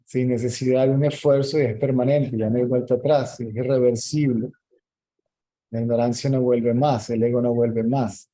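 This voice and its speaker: Male spiritual teacher, very dark mellow voice, calm explainer. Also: medium pitch, normal speed, rough recording. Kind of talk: answering questions in a meeting.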